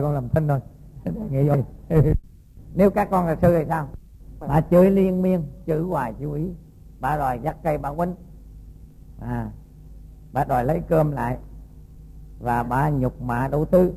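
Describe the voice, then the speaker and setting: A man, a Buddhist monk telling a moral story to young students and quizzing them in a lively, folksy way. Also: on the high side, gravelly, a little hiss or hum, poor audio.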